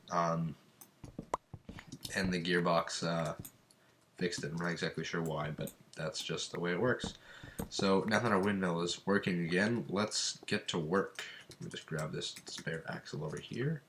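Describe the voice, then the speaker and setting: A man's voice: low-pitched, a bit bright, slight background noise. A man with a stuffed-up cold giving casual let's-play commentary, rambling and thinking aloud while he counts and crafts. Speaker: gameplay commentator.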